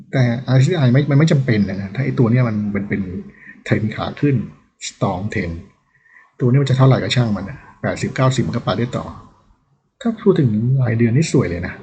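A man's voice: medium pitch, dark tone, muffled recording. A man hosting a stock trading channel, talking casually and rambling as he thinks aloud over charts.

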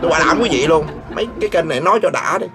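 A man's voice: a little high, animated, very fast, over loud music, over a noisy crowd. Scolding vlogger man. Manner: sarcastic, scolding, laughs mid-sentence. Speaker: vlogger host. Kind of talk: mocking commentary rant.

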